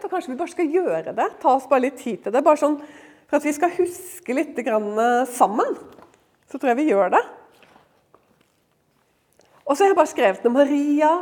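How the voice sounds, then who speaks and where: High-voiced woman giving a devotional talk. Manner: lively storytelling, acts out quoted lines, swings from loud to hushed; conversational fillers, frequent laughter in voice. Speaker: speaker at a women's retreat.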